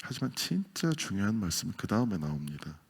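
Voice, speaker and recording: Animated Gyeongsang pastor preaching. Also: male voice, sits low, quick pace, creaky, husky. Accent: Gyeongsang Korean. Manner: animated, swinging from loud exclamations to near whispers. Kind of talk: sermon.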